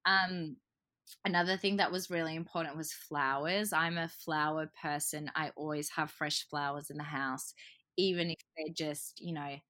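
This Croatian podcast guest has a deep, pushed and bright voice, fairly even in intonation and at a normal speed. In a casual interview chat she's talkative, laughs frequently, and acts out quoted remarks.

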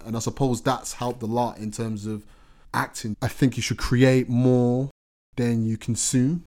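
A man's voice: mid-range voice, flat delivery, unhurried, a little mellow. A man, an actor and writer, speaking as a guest in a casual podcast interview, earnest and emphatic, repeating phrases for stress.

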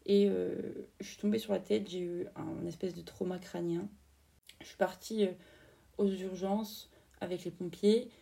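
Gravelly-voiced young woman telling a story. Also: on the low side, steady tone, measured pace, mellow, recorded from a distance. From France. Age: 20s. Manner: chatty, lots of fillers and slang. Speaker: podcast host. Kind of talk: casual storytelling podcast.

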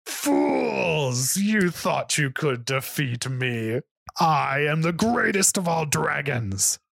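A man doing a grandiose dragon villain, husky, arrogant, slow declaiming. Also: fairly high pitch, very animated, fairly bright tone, no echo, clean studio sound, pitched above the performer's own voice, exaggerated voice. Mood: boastful.

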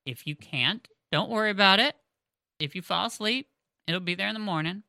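Speaking in a mid-range, gravelly, sharp voice at a brisk clip, this woman co-hosts a podcast and chats loosely with fillers and restarts. It's studio quality with no room sound, recorded close with headphones on.

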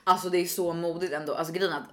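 A woman in casual chat, reacting and chiming in with quick comments. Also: lowish voice, fairly even intonation.

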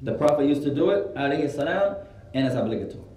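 A man teaching a religious studies class, repeating each point slowly so students can write it down. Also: fairly high pitch, lively intonation, mellow, reverberant, recorded from a distance, poor audio. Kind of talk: classroom lesson, Arabic then English.

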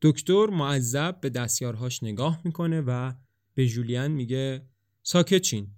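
A man narrating a story in a steady, measured reading voice. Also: medium pitch. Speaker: audiobook narrator.

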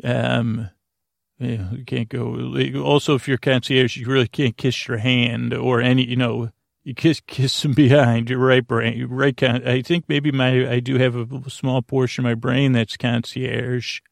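With a flat, creaky, mid-range voice, this man hosts a sleep podcast, wandering through a halting monologue full of whimsical, self-deprecating jokes as he trails off and interrupts himself. The recording is dry with clean studio sound.

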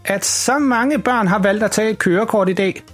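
Brief: man voicing woman attendant, formal, stern, pitched up, husky underneath. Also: soft background music. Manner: firm, formal announcer tone. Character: strict woman park attendant.

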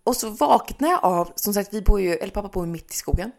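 A woman's voice: mid-range voice, creaky. A young woman co-hosting a podcast, telling a story animatedly and laughing often. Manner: animated, laughing, acts out shouts. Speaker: podcast co-host. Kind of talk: casual chat, storytelling.

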